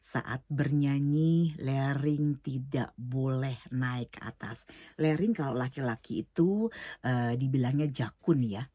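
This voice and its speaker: A middle-aged woman teaching an online singing lesson, explaining slowly with many fillers and English words mixed in. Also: rumbling low, dark tone, slightly rough, dry recording, studio quality.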